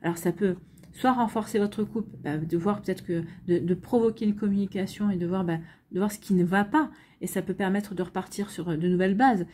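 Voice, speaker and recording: In a weekly tarot guidance reading, a woman who reads tarot and astrology addresses viewers conversationally but hesitantly, leaning on fillers and repeated words. She has a steady, mellow, mid-range voice at a fairly quick pace, with slight hiss or hum.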